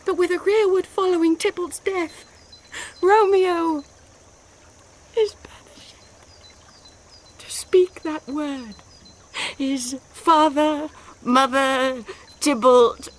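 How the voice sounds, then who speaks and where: A British-accented actress plays a passionate, distraught young bride in a classical Shakespearean radio drama, delivering the verse theatrically in frantic grief. Her voice sits high, and she speaks extremely slowly, fully in character.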